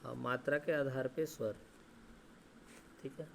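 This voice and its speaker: Male teacher, mid-pitched, monotone delivery, quizzes and answers himself, stretches sounds to demonstrate, faint background noise. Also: unhurried, vocal fry. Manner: asks questions and answers them himself; repeats "ठीक है" and "है ना" often. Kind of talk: Hindi grammar lesson.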